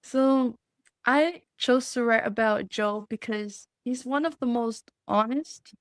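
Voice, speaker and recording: A young woman from Samoa speaks with a fairly high, clear voice, earnest and reflective as a podcast guest. The sound is close and dry, with no room echo. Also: takes it slowly. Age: young adult. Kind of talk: podcast interview.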